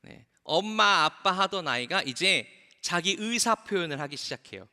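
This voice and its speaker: A male pastor preaching a sermon. He asks the congregation questions and drops to a soft, low voice to land his key points. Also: expressive, normal speed. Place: church sanctuary. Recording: long church hall reverb.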